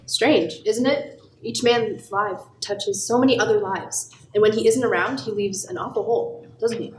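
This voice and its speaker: A woman playing a gentle, earnest apprentice angel in an amateur radio play. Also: mid-range voice, moderate pace, close to an everyday voice. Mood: gentle, grave. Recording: echoey room, distant mic, faint noise.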